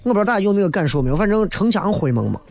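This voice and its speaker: A man's voice: high voice, big pitch swings, very fast, vocal fry, a little mellow, soft background music. A man from Xi'an with a Shaanxi accent, hosting a humorous, colloquial monologue and slipping into mimicry for comic effect. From Xi'an, Shaanxi, China. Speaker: comedy show host. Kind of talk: humorous observational monologue on local dialect and city life.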